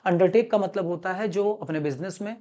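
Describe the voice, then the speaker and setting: A man's voice: sits high, a little fast, warm tone, lo-fi sound. A male commerce teacher from Allahabad gives a lecture. He repeats each point and calls his students "beta". He mixes English terms into his explanations. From Allahabad, India. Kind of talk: classroom-style lecture.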